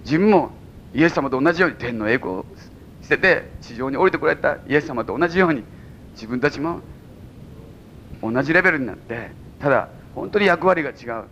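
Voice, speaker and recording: A man with a Mikawa Japanese accent preaching a sermon as pastor to a congregation, with sudden high exclamations and chuckles. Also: lively intonation, brisk, fairly bright tone, dull audio, a little hiss or hum. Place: church service before a congregation.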